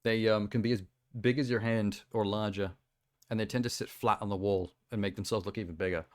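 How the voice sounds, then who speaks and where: A man's voice: on the low side, steady tone, brisk. An Australian man streaming casual reaction commentary, blunt and sweary, laughing easily.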